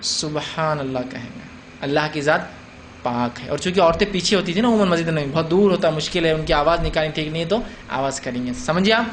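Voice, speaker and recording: A man's voice: a little high, animated, a little hiss or hum. A man from India giving a religious lecture, explaining points conversationally with rhetorical questions and acted-out examples. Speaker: Islamic lecturer.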